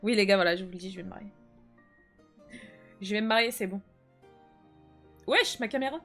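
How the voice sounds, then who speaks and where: A woman's voice: mid-range voice, fairly quick, soft background music. A young woman streaming from home, chatting casually in slangy banter and reading her chat aloud.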